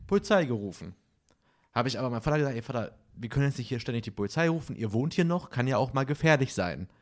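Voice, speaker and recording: On a relaxed podcast, a fast-talking man with a mid-range voice spins lively stories. He acts out the lines of the people in them.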